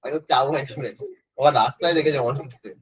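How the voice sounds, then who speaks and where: A male physics tutor with a mid-range voice talks fast while teaching an online class casually and quizzing students by name. The lo-fi audio is dry and slightly dull.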